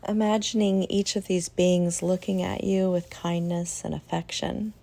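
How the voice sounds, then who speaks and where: Guiding a meditation, a woman speaks in a soft, soothing way with long pauses separating her phrases. Her pitch is fairly low, her delivery flat, with some vocal fry.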